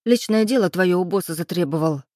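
A woman's voice: fairly low pitch, fairly quick, warm tone, dry recording, studio quality, natural voice. A woman voicing a stern, bossy young woman friend, insistent and pushing. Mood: grim. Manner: insistent, raised voice.

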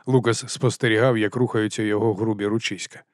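A man's voice: lowish voice, steady tone, fast, no room sound. Man narrating an audiobook, dry and close.

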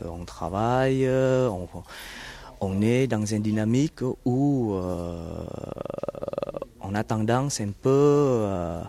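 A man's voice: on the low side, mellow. A man from Vietnam with a Vietnamese accent, answering interview questions in a hesitant way with many fillers and restarts.

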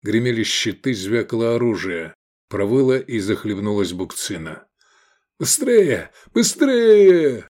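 A man narrating an audiobook in a steady, measured reading. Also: lowish voice. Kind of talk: scripted narration.

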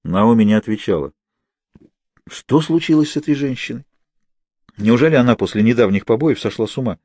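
A man narrating an audiobook in a measured, even storytelling manner, recorded on a close mic. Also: medium pitch, no room sound.

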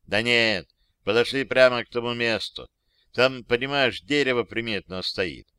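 A baffled young cavalry lieutenant, read by a man, stumbles through his explanation, hesitant and lost. The voice is smooth and clear, recorded close and dry. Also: mid-range voice, moderate pace, sharp tone, dry recording, lightly acted. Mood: bewildered. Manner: bewildered and hesitant. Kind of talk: audiobook character voice.

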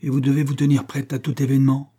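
Brief: a man reading a protective young officer, dark, husky, urgent. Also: mid-range voice, level tone, quick pace, pitched above the performer's own voice, natural voice. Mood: grave. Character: loyal young male officer, dutiful, protective.

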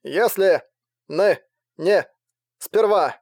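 A man voicing a desperate male soldier shouting in broken fragments over a crackly radio full of static. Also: high voice, drawn-out words, pitched above the performer's own voice, full character voice. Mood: urgent. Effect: crackly radio transmission breaking up in static. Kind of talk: audiobook narration.

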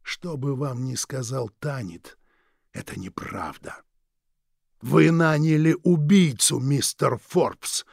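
A man's voice: medium pitch, vocal fry, no echo, studio quality. A man voicing a sinister, mocking male villain in an audiobook, stretching his words with sneering politeness. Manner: slow, drawn-out, sneering politeness. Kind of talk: audiobook reading.

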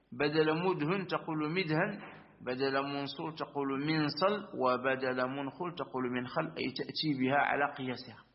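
A man teaching a lesson on Arabic grammar. He explains step by step, repeats points and affirms often, and recites verse lines slowly. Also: on the high side, dull audio. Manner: methodical, repeats and affirms with frequent asides. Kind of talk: religious-school lesson explaining a verse text.

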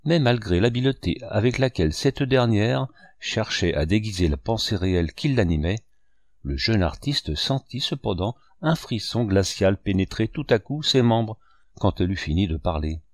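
A man reads a classic novel in a measured, expressive way. His voice is very low and deep. The recording is dry with no room sound. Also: no room sound. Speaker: narrator. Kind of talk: audiobook narration.

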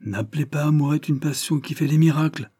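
Ardent young seafarer in a storybook reading, pitched up and fervent, voiced by a male narrator. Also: brisk, warm tone, breathy edge. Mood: ardent pleading. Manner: impassioned pleading. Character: young male corsaire's son, ardent and passionate.

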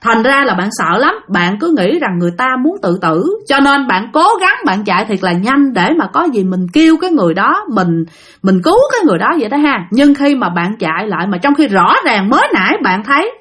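A woman with a Southern Vietnamese accent telling a ghost story, animated and addressing her listeners directly. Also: medium pitch.

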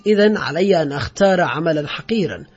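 A man's voice: on the high side, expressive, fast, breathy edge, muffled recording, faint music behind. A man voicing a proud, resentful ex-convict who speaks curtly and sardonically in an audiobook. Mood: sardonic. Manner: curt, bitter and sardonic.

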